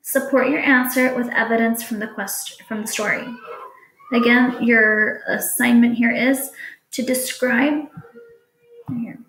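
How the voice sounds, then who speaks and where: In an echoey room with slight background noise, a woman reads test questions aloud like a teacher. Her fairly high voice is steady and a bit bright, and she speaks very slowly and deliberately.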